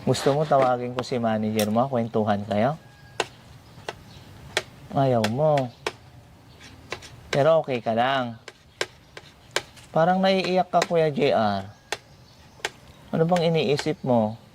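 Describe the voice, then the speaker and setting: A man hosting a vlog, gently asking question after question. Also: medium pitch, slow pace, pauses often. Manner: gentle, repetitive coaxing questions. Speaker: vlogger host. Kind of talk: casual vlog chat, coaxing questions. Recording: noisy background.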